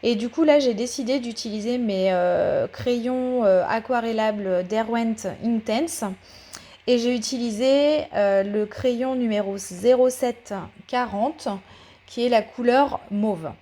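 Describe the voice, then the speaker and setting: A woman talking through a paper craft tutorial in a voice-over, hesitant, with many pauses and fillers, explaining each step patiently. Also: fairly high pitch, mellow.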